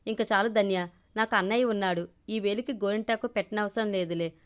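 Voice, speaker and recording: A woman voicing a quick-tempered, spirited young woman in a spoken audio story. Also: mid-range voice, close to an everyday voice. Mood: huffy.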